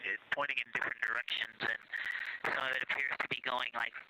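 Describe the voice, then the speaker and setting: A man reporting as an astronaut over a crackly space-to-ground radio link, halting and awed, searching for words. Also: mid-range voice, flat delivery. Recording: noisy distant radio transmission.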